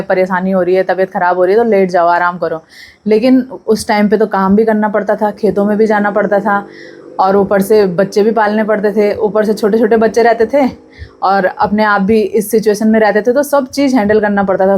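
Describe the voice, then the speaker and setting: A woman's voice: medium pitch, darkish tone. Chatty young pregnant woman vlogging. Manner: chatty, laughs easily, drifts off topic. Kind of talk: casual chat to camera.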